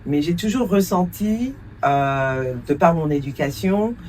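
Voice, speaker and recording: A woman's voice: fairly low pitch, animated, measured pace, a little mellow, recorded from a distance, slight background noise. A woman in her forties, raised in France, answering interview questions as a cultural entrepreneur and producer, thoughtful, with many hesitations and a few English words mixed in.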